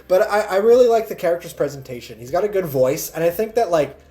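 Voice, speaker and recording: A man's voice: high-pitched, expressive, mellow, faint music behind. A man co-hosting a film podcast, talking in a casual, sweary way. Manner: sweary, quick to laugh. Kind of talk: casual film review chat.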